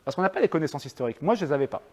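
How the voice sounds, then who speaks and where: French man, lecture hall reverb, slightly high voice, chatty with fillers. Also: big pitch swings, very fast, a little mellow. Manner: conversational, hesitant, many fillers and restarts. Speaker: speaker giving a public talk. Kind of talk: lecture with audience questions.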